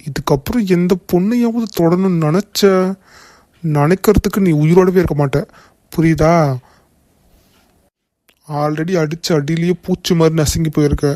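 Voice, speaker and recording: A protective young male cartoon hero, as a performer voices him speaks in a mid-pitched, mellow, dark voice. He is firm and commanding toward enemies and soft and reassuring toward the heroine. The recording is dry and close. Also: no echo, natural voice. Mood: threatening. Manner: stern threatening, then gentle and soothing. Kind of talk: cartoon voice acting.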